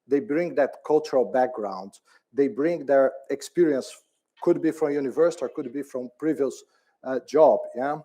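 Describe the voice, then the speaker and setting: A middle-aged man from Brazil speaks on a conference panel in a mellow, soft-edged voice. He talks haltingly, often restarting and repeating words, and laughs easily. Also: mid-range voice. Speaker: department head on a panel.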